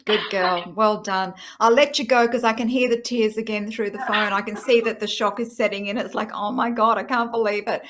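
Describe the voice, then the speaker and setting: A woman's voice: medium pitch, steady tone, normal speed, few pauses, fairly bright tone, a little hiss or hum. Effusive woman hosting an awards show. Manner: effusive, calls people "my girl" and "darling". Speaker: host announcing winners. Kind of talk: live awards presentation.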